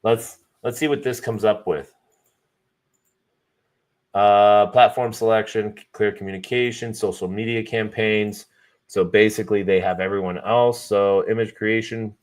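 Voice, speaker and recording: Slow, deep-voiced man thinking aloud. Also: fairly even intonation. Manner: slow, halting, trailing off with fillers. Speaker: livestream host. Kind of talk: thinking aloud while testing AI tools.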